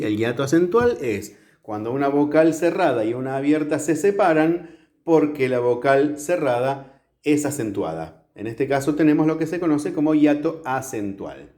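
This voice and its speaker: A camera on the far side of a classroom captures a man giving a grammar lesson at the whiteboard. He speaks at a middle pitch with a darkish tone, yet his voice rises and falls in a lively way. He works through every step with patience, regularly confirming that the students are keeping up.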